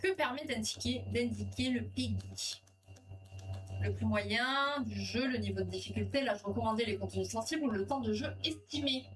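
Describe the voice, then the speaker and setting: A woman's voice: on the high side, normal speed, fairly bright tone. A French woman hosting a live stream, chatting casually with viewers and reading out quiz questions in a rambling, easygoing way. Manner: chatty, rambling, reads viewer comments aloud. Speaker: livestream host. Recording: distant mic with music behind.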